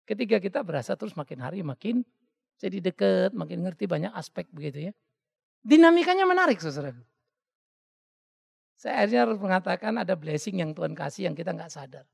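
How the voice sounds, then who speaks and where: Male pastor, high and gravelly, very animated sermon delivery with acted-out quotes, long church-hall reverb. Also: fairly quick. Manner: animated, joking, acts out quoted voices.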